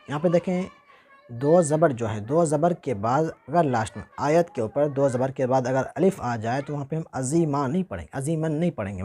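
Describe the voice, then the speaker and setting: A man teaching Quran reading, reciting each word slowly and carefully and explaining pronunciation. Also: mid-range voice, mellow.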